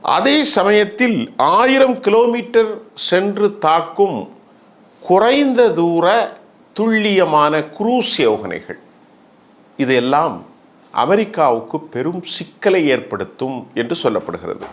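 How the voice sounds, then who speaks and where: A male journalist delivers news analysis in a slow, measured cadence. His somewhat high voice swings widely in pitch as he stresses each point and runs through long lists emphatically. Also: sing-song. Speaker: journalist commentator.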